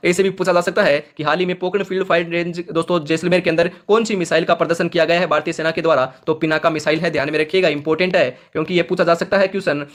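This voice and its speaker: A man's voice: fairly high pitch, fairly even intonation, very fast, hardly any pauses. A male coaching teacher running an exam quiz lesson, who reads each question and its options, then stresses the answer and keeps telling viewers to remember it. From Rajasthan, India. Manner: addresses viewers as friends, urges them to remember. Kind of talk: current affairs quiz lesson.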